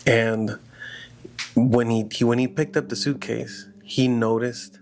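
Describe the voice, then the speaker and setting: A man's voice: mid-range voice, level tone, slow, a little mellow. Casual man telling a horror story. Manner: loose and conversational, full of fillers like "you know" and "like".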